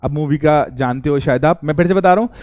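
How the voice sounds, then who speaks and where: A man with a fairly high voice teaches a live online science class. He talks in a chatty, teasing way, and keeps asking his students questions before answering them himself. The sound is dry and close to the mic, with no room echo. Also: fast, a little mellow.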